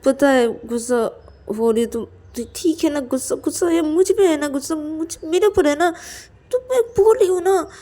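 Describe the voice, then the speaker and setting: Woman playing a young lover in a storybook romance, high, begging, repeats herself. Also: animated, moderate pace, mellow. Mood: pleading. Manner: begging, repeats words over and over. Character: young woman pleading with her lover to eat.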